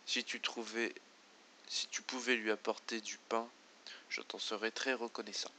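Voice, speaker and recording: A man voicing a rustic old farmer turned horse breeder in a video game, loud and folksy with bumbling speech. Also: fairly low pitch, flat delivery, normal speed, a little hiss or hum. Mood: earnest pleading.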